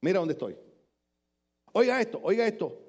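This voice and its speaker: A man's voice: high-pitched, big pitch swings, moderate pace, a little mellow. An older man with a Puerto Rican accent preaching a sermon to his congregation, mixing jokes into emphatic points. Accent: Puerto Rican Spanish. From Puerto Rico. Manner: playful, joking asides between emphatic preaching. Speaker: pastor. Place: church with congregation.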